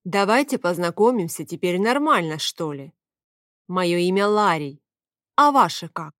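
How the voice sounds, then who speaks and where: A woman's voice: on the low side, animated, unhurried, fairly bright tone, dry recording, studio quality. A woman voicing a courteous middle-aged emperor. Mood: gallant. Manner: courteous, mildly amused. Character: polite middle-aged man, an emperor, pleasant-voiced. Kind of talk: audiobook character voice.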